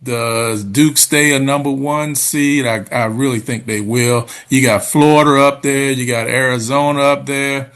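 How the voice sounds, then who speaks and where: A man's voice: mid-range voice, fairly even intonation, unhurried, few pauses, fairly bright tone. Matter-of-fact sports podcast man. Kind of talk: casual sports talk.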